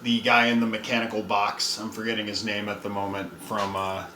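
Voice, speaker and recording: A man streaming a casual taste test, chatting in a relaxed way and thinking aloud with frequent fillers. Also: fairly low pitch, fairly quick. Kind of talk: casual live-stream chat. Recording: roomy with faint background noise.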